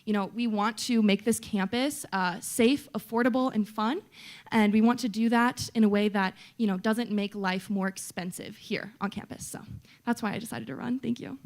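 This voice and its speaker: Chatty young woman, halting with fillers. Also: mid-range voice, fairly even intonation, a little mellow. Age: young adult. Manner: chatty, hesitant with many fillers. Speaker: student vice-presidential candidate. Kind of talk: debate answer.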